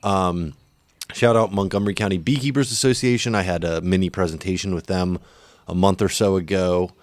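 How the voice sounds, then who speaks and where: Low-voiced laid-back man podcasting outdoors in open air. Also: steady tone, a little fast, dry recording. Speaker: podcast host. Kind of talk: casual podcast chat. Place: outdoors in an open natural area at night.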